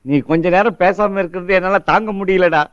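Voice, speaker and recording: A man's voice: high-pitched, steady tone, a little fast, clean tone, close to an everyday voice. An actor playing a proud, stubborn but tender-hearted old grandfather who scolds and pleads in everyday speech. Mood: hurt. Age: older. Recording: muffled film audio with music.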